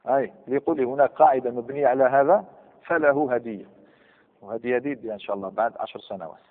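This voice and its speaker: Male grammar teacher, lively classroom lecture, thin phone-like sound, long hall echo. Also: medium pitch, rapid-fire. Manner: lively, questions the students and repeats words.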